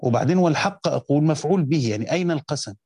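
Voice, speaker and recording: A man's voice: a little high, lively intonation, very fast, darkish tone, breathy edge, dry recording. Egyptian man explaining a classical text. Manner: reads quoted text then explains in colloquial speech, with frequent restarts. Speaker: teacher of Quranic exegesis. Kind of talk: reading and commenting on a classical text.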